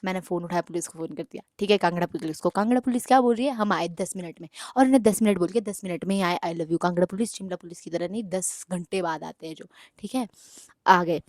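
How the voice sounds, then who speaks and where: A young woman vlogger telling a story in a casual, animated way, mixing in English words and swearing. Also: lowish voice, fast, dry recording, studio quality.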